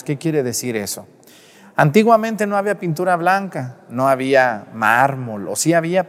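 A priest with a medium-pitched voice preaches at mass, scolding the congregation directly with rhetorical questions. The church leaves a long reverb tail.

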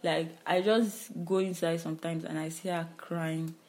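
A young woman, co-hosting a podcast and retelling a painful loss in a halting, emotional way with many restarts. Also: sits low, level tone, darkish tone. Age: young adult. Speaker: podcast co-host. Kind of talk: casual conversation.

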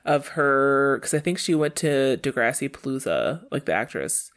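A young woman co-hosting a podcast, chatting casually and relaxed, often backing up her co-host with short replies. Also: a bass voice, moderate pace. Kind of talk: casual chat recapping a TV show.

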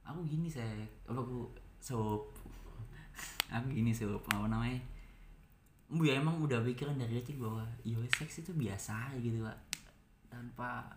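A man's voice: medium pitch, normal speed. A man hosting a casual chat, prodding his guest with questions and urging the story on. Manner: prodding interviewer, laughs, urges the story on. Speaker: host. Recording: echoey room with faint background noise.

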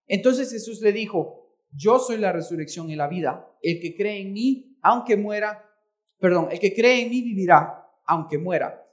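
High-voiced male pastor reading scripture. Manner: reads scripture aloud, then explains it; corrects his own misreadings. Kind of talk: bilingual sermon with interpreter.

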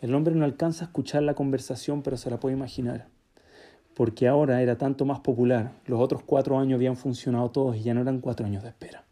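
A man telling a religious story as a sermon, acting out the characters' dialogue in an animated way. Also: medium pitch, fast talker.

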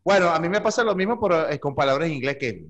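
A man from Venezuela with a Venezuelan Spanish accent, hosting a relaxed interview in a jokey, slangy way. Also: a little high, quick pace, lo-fi sound. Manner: jokey, slangy, laughs along. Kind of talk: casual interview chat.

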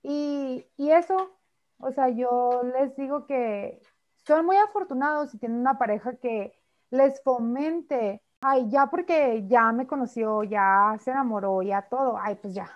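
A chatty woman with a Mexican Spanish accent and a high voice, talking casually and acting out little quoted lines as she goes. The audio sounds slightly dull and lo-fi. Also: unhurried. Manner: chatty, frequent fillers, mimics quoted speech. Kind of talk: casual chat.

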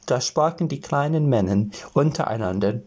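A man reading a fairy tale aloud as a storyteller, telling it gently and now and then addressing the listeners. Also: medium pitch, animated, normal speed, breathy edge.

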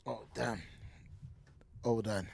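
A man's voice: on the low side, fairly even intonation, slow pace, creaky, a little mellow, breathy edge, dry recording. A man co-hosting a podcast over a remote call, giving his opinions in a casual, talkative way with frequent restarts. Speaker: podcast co-host. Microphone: remote call audio.

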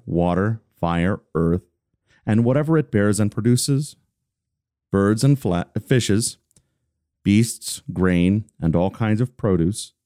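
Deep-voiced man reading scripture calmly. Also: clean tone, no room sound, clean studio sound. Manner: deliberate, steady, slowing on listed phrases. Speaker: reader of a devotional text. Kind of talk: measured reading of a religious catechism.

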